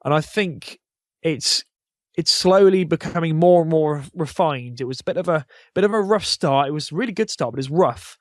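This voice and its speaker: A man with a slightly high voice speaks at normal speed in clean studio sound with no echo. He's a YouTube channel founder guesting on a podcast, rambling informally and enthusiastically in a casual interview about his gaming channel.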